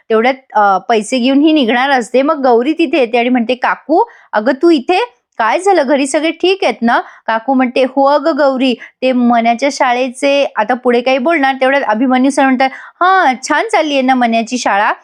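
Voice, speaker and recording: Female voice-over host with a Marathi accent and a somewhat high voice, recapping a TV serial and acting out the characters' lines. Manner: retells scenes, voicing characters' quoted lines. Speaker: TV serial review narrator.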